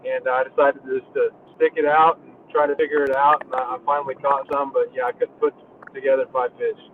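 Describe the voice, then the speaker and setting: A man's voice: medium pitch, level tone, brisk, a little hiss or hum. A man calling in as a tournament angler, talking casually and apologizing as his connection breaks up and cuts out. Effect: breaking-up call connection that cuts out. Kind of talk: casual chat over a call. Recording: tinny phone-like call line.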